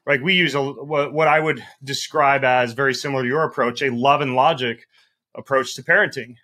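A man's voice: medium pitch, steady tone, brisk, pushed and bright. A man hosting a podcast, speaking thoughtfully in casual chat and hedging his points. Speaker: podcast host.

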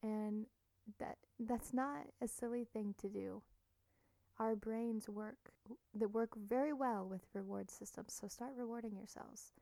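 Slow, mellow woman giving a pep talk. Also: on the high side, steady tone, gravelly, no room sound. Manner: blunt, swearing, pep-talk encouragement. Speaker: podcast host. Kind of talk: motivational self-help talk.

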